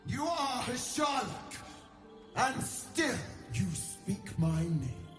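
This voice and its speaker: A woman's voice: fairly high pitch, very animated, echoey room, soft background music, heavily acted. An actress playing a wrathful, grandiose lich queen in a video game, commanding and theatrical, drawing out her words. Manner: commanding, grandiose, drawn-out delivery with shouted outbursts.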